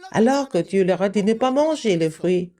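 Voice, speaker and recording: A woman giving a children's sermon, asking the kids questions and answering them, with sudden high exclamations. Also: animated, moderate pace, warm tone. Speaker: kindergarten preacher.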